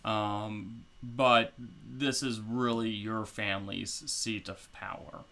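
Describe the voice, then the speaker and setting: A man runs a tabletop game, describing the world at an easy pace, with many pauses and fillers. His voice is low and gravelly, and he speaks slowly. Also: steady tone, bright, forceful tone. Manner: unhurried, filler-heavy, explanatory. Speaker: game master.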